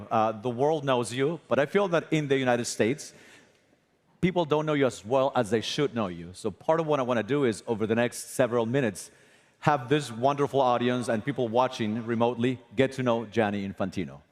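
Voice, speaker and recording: A man moderating an onstage interview at a large forum, friendly and chatty, switching languages with ease. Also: mid-range voice. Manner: warm, friendly and talkative, switching languages easily. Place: stage of a large forum hall.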